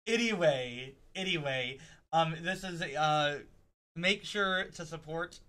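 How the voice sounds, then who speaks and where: A man hosting a casual news rundown, halting often with fillers and restarts. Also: fairly high pitch, sharp tone, rough recording. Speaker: podcast host.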